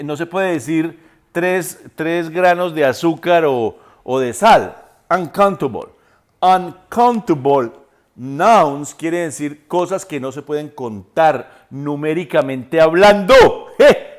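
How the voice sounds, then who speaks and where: Slow, high-voiced man teaching English. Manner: repeats and spells words aloud. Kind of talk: slow spoken language lesson.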